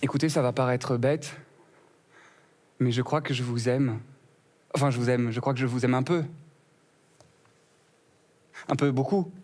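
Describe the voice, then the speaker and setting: A man's voice: medium pitch, steady tone, measured pace, pauses often, darkish tone. A young man performing a stand-up routine, telling a story full of wordplay and acting out both sides of a conversation. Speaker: stand-up comedian.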